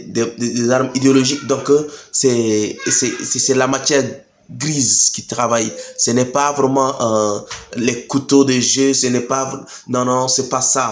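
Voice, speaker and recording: A man speaks at a medium pitch in a reverberant room. He delivers political commentary in a didactic way, leaning on repetition and emphasis to drive his points home. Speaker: activist video host. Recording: echoey room.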